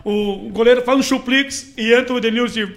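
A man's voice: very high-pitched, fairly even intonation, brisk. A man hosting a podcast, playfully leading the topics in casual banter. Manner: playful, leads the segments. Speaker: podcast host.

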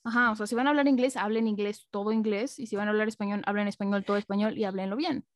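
A woman's voice: mid-range voice, fast, no echo, clean studio sound. A woman from Mexico with a Mexican Spanish accent, explaining things in casual chat with plenty of filler phrases.

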